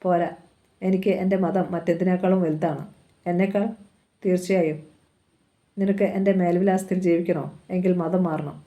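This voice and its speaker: A woman's voice: fairly low pitch, steady tone, moderate pace, pauses often, mellow, natural voice. Woman reading as an old wealthy man. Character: old wealthy man, pleading then domineering.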